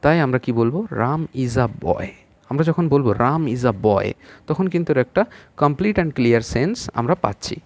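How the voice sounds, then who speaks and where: A man's voice: medium pitch, expressive, fairly quick, darkish tone, dry recording. A man with a West Bengal Bengali accent teaching an English lesson in Bengali. He spells words out letter by letter, explains patiently and puts questions to the class. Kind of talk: exam-prep English lesson taught in Bengali.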